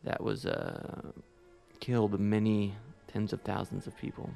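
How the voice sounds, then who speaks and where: A man's voice: lowish voice, level tone, unhurried, vocal fry, mellow. A man hosting a radio music show, introducing songs in an easygoing, rambling way with casual asides.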